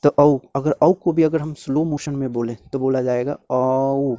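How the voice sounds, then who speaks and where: A man teaching a lesson, slowly spelling out sounds one by one and repeating himself as he explains. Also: mid-range voice, fairly even intonation, dark tone, no room sound, dull audio.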